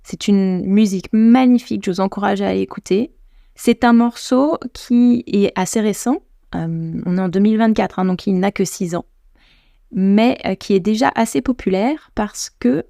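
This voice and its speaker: A podcast host from France speaks at a normal speed in a mid-range voice that's creaky and mellow. The studio-quality audio has no room sound as she chats eagerly and informally, speaking right to her audience.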